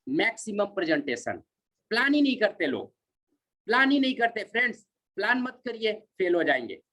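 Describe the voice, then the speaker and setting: Man, motivational trainer, emphatic, repeats himself, animated pitch, mixes in English phrases. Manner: emphatic, repeats each point several times; mixes short English phrases into his talk. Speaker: network marketing trainer.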